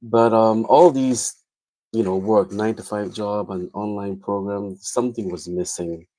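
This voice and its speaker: Earnest man, low mellow voice. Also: fairly even intonation, measured pace, dry recording, rough recording. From Guyana. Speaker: panelist. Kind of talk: personal introduction on a webinar panel.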